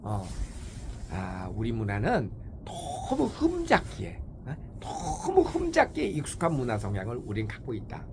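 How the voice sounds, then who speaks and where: A man hosts a morning show with a casual, rhetorical opinion monologue, constantly checking in with his viewers. His intonation is lively and swings widely as he acts out other people's voices. A faint hum of noise sits behind him. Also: mid-range voice, a little slow. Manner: animated, rhetorical, keeps asking "eh?" to the audience. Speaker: host of a morning talk show.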